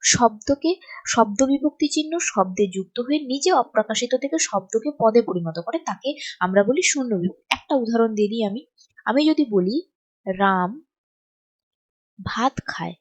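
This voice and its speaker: A woman's voice: fairly high pitch, expressive, fairly quick, darkish tone, breathy edge. A woman teacher from West Bengal going through exam questions step by step and often checking that her students follow. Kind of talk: exam-prep lesson.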